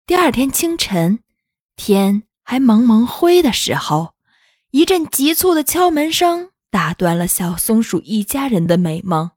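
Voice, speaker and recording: Slow, husky woman telling a children's story. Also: fairly high pitch, big pitch swings, a little mellow, dry recording, clean studio sound.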